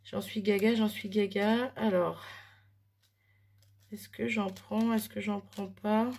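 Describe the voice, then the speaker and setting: Narrating a casual mixed-media craft tutorial from her home craft room, where an oven runs in the background, a woman chats, thinks aloud while working, and pokes fun at herself. She speaks slowly and flatly, medium-pitched and darkish, with vocal fry.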